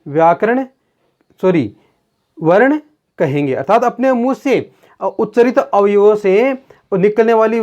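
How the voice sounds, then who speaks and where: Male grammar teacher, high voice, lecture delivery with rhetorical questions, dull lo-fi recording. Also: darkish tone. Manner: explains step by step with rhetorical questions. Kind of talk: classroom-style lecture. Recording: dull lo-fi sound.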